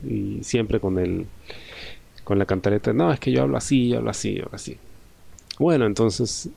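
A man's voice: on the low side, vocal fry, dark tone. A young man with a Peruvian Spanish accent hosting a solo podcast, talking in a reflective, conversational way and often ending phrases with a questioning tag. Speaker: podcast host.

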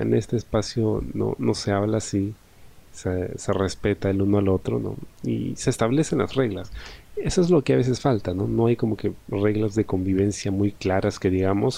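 A man's voice: fairly low pitch, gravelly, dark tone, slightly rough. A young man with a Peruvian Spanish accent hosting a solo podcast, talking in a reflective, conversational way and often ending phrases with a questioning tag. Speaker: podcast host.

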